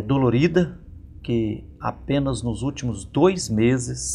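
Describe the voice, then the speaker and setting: A man from Minas Gerais with a Brazilian accent hosting a community TV interview, speaking slowly with many pauses and fillers. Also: mid-range voice, creaky, darkish tone, a little hiss or hum. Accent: Brazilian Portuguese, Minas Gerais. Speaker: TV program host and interviewer.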